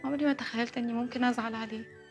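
An actress playing a young Egyptian woman softly confessing her grief in a TV drama. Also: fairly high pitch, fairly even intonation, racing, close to an everyday voice. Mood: sad. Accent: Egyptian Arabic. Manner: soft, hesitant, reflective. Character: young woman quietly grieving her father. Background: music.

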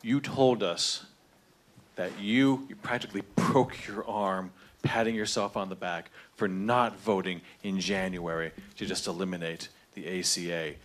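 In a large, crowded indoor meeting room, a man in his thirties holds a handheld microphone and angrily confronts his congressman at a town hall, his emotion rising through the impassioned speech. His voice sits low, steady in tone and unhurried.

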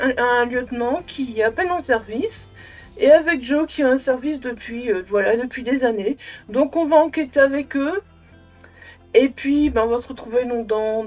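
A young woman giving a casual, effusive book review to camera at home, in a halting way that often repeats words. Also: a little high, a little mellow. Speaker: book vlogger. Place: small room at home with bookshelves.

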